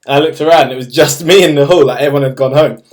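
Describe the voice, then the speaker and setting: A man's voice: a little high, rapid-fire, a little mellow. A young man chatting to camera in an upbeat, casual way and retelling a school story. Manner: upbeat, chatty, retells scenes with acted quotes. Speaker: vlogger.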